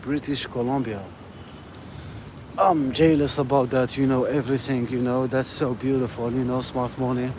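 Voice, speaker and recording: A man's voice: medium pitch, steady tone, moderate pace. A man from Algeria, chatting casually on a live stream while walking down a city street, rambling and friendly, with "you know" and "bro" in nearly every phrase. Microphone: phone. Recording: outdoor street noise with passing traffic. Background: urban ambience and vehicles.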